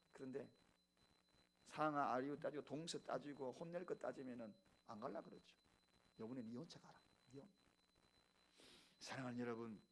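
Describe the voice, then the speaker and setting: Man in his 50s, preacher, high voice with wide animated swings, acts out little family scenes mid-sermon. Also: low-quality recording. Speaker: pastor. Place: church sanctuary.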